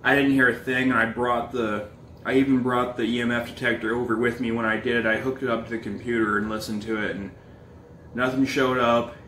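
A man plays an uneasy young paranormal investigator in a found footage horror film. His mid-pitched voice is bright and a little tense, with halting, casual, improvised phrasing. The amateur camera audio carries clear room echo. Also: level tone, slight background noise, lightly acted. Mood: uneasy, matter-of-fact. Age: young adult. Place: indoors, bedroom and kitchen.

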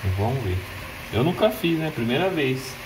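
A man's voice: medium pitch, expressive, normal speed. A young man from Brazil cooking at home, giving short, easygoing answers as his partner films him. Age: young adult. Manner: brief, laid-back replies. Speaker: home cook, the host's partner. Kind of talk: casual chat while cooking. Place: home kitchen. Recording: loud frying noise behind the voice. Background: loud sizzling and stirring.

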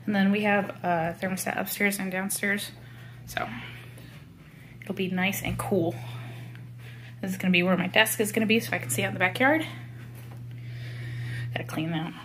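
A woman's voice: fairly even intonation, moderate pace, long pauses, fairly bright tone. A woman in a casual, rambling home tour, filmed handheld in a new house, tired after moving. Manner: chatty, rambling, coos at her pets in a high baby voice. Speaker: vlogger giving a home tour. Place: inside a newly moved-into house. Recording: noisy home recording.

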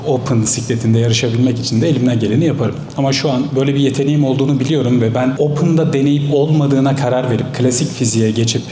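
30 yr old guy answering fans on stage, quick and sure of himself, dark tone, echoey hall. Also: medium pitch, fairly even intonation, a little hiss or hum. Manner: direct, confident, a bit combative. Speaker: bodybuilder panelist answering fan questions. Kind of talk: live panel Q&A on stage. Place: large hall stage with live audience. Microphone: handheld mic.

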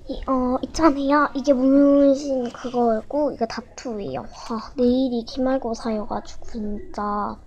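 A teenage girl with a fairly high voice talks through a casual home tutorial in a cutesy, chatty way. She often sinks into a soft near-whisper. A faint hiss sits under her voice. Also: fairly even intonation, slow pace, few pauses, lo-fi sound. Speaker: vlogger.

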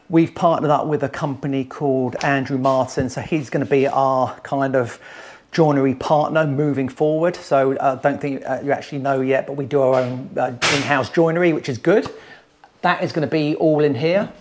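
This site manager from a renovation firm has a somewhat high voice, with slight background noise around it. He walks through a gutted, empty house of bare plastered rooms on a casual tour, briskly running down the jobs one by one. Someone else films on a wide-angle camera a few meters from him.

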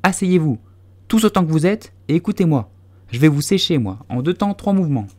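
A man voicing a self-important mouse lecturing loudly in a storybook reading. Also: fairly high pitch, normal speed, pitched above the performer's own voice, close to an everyday voice. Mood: pompous. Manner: haughty, lecturing, loud.

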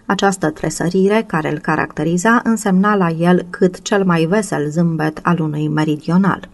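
A woman narrating a classic novel as an audiobook, reading slowly and in a measured way. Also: fairly low pitch, vocal fry, dry recording. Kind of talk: scripted narration.

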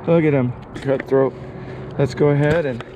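A man's voice: mid-range voice, steady tone, moderate pace, background noise. A man giving casual, upbeat running commentary while fishing from a small boat on a lake, recorded on an action camera. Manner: upbeat, repeats words while landing fish. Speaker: fly fishing vlogger.

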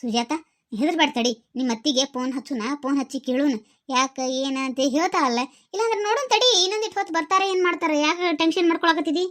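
A woman with a North Karnataka Kannada accent voicing a calm, motherly village neighbour who talks in a soothing, steady way. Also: high voice, fast. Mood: reassuring.

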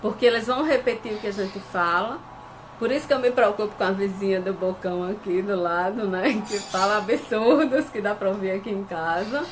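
A woman's voice: medium pitch, brisk, slight background noise. A woman hosting a casual live stream from home, reading viewer comments aloud and laughing often.

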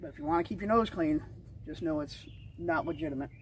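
An American man talks casually to his viewers in a folksy, slangy way. His voice sits a little high for a man. Faint outdoor noise sits behind his plain-spoken explanations. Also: quick pace. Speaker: vlog host and ham radio hobbyist.

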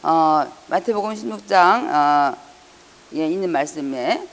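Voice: mid-range voice, lively intonation, unhurried. A pastor giving an earnest Sunday sermon, hesitating and correcting himself often, raising the voice when reading scripture. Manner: frequent hesitations and self-corrections. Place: church hall. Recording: long church hall reverb.

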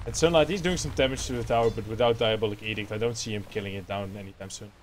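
A man's voice: lowish voice, steady tone, rapid-fire, slight background noise. Dutch-accented man casting a game. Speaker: esports caster. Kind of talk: play-by-play commentary.

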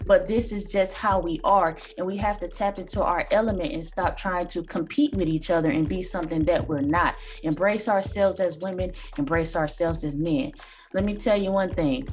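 A woman in her thirties, host of a reaction channel, giving earnest, lecturing commentary with occasional ums, recorded indoors on a phone or webcam. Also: on the low side. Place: small room indoors.

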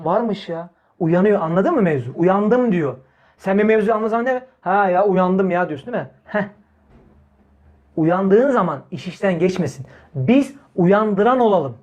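A man's voice: high-pitched, animated, normal speed, lo-fi sound. Male preacher, informal religious talk, emphatic, repeats his points, rhetorical questions, addresses listeners directly. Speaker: Islamic preacher.

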